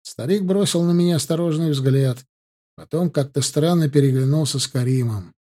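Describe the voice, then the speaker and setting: A man narrates an audiobook in the first person at a measured, steady pace. His voice is dark and mellow, with a husky edge. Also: fairly high pitch.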